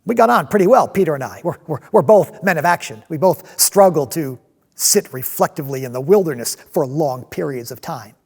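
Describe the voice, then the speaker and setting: A man performs a fervent zealot disciple, a restless man of action, in a dramatic stage monologue. The voice sits fairly high for a man, with a gravelly, husky grain. He tells his story haltingly, doubling back on words and leaning hard on the ones that matter. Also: animated, full character voice. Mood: wry, earnest. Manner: halting, emphatic delivery with repeated words and swells.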